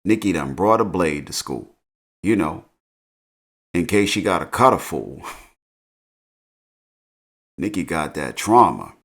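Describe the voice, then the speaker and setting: A middle-aged man with a fairly low voice recaps a TV show. He talks in a relaxed, slangy way and keeps chuckling through the story. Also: takes it slowly, long pauses. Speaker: TV recap host.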